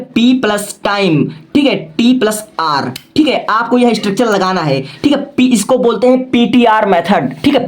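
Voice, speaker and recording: Patient teacher spelling words out. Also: male voice, high voice. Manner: repeats "okay" as a check-in, spells words letter by letter; patient, step-by-step explaining. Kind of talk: classroom-style lesson.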